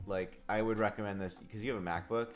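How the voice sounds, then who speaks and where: A man's voice: fairly low pitch, fairly even intonation, fast talker, faint music behind. A man in casual chat with a developer friend, enthusiastic and swearing freely. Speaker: software developer chatting on a call.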